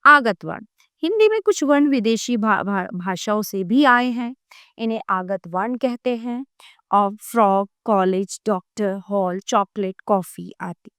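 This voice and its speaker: A woman teacher giving a grammar lesson to children, addressing them directly and spelling out sounds slowly one by one. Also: medium pitch, expressive, a bit bright, clean tone, dry recording, studio quality.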